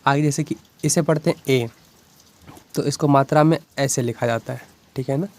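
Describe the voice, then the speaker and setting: A man's voice: medium pitch, steady tone, normal speed, darkish tone. Patient man teaching the Hindi alphabet. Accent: Bihari Hindi. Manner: patient, repeats "ठीक है ना" often. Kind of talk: explanatory lesson.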